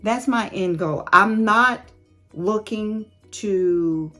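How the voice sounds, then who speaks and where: A woman's voice: medium pitch, drawn-out words, a bit bright, faint music behind. A woman in her late fifties chatting candidly and laughing often as she answers viewer questions in a casual vlog. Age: late 50s. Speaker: YouTube host.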